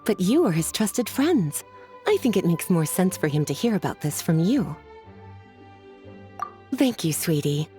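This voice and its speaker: Mellow, teasing mage Lisa. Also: female voice, on the low side, very animated, measured pace, long pauses, faint music behind. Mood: gently teasing. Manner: languid, coaxing, teasing endearments. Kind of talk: video game voice acting.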